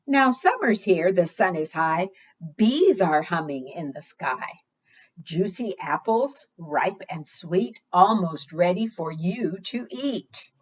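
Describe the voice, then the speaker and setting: A husky, fairly low-voiced woman takes her time but stays animated as she runs a preschool storytime. She reads expressively and poses questions to the young children listening, and the recording sounds dull and lo-fi.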